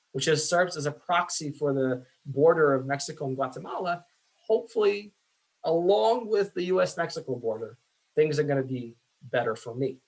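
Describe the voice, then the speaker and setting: A man teaching statistics in a casual, self-deprecating way, with many fillers, his voice going hoarse. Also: fairly high pitch, rough recording. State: losing his voice. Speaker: statistics instructor. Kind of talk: screen-share lecture.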